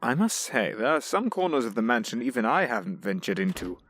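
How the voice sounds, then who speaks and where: Man acting as Alfred, a droll, animated butler. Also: medium pitch, brisk. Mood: bemused, droll. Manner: formal, dry, droll. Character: droll, formal male butler, wryly bemused by his employer. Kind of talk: audio drama acting. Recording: clear hum and clicks behind voice.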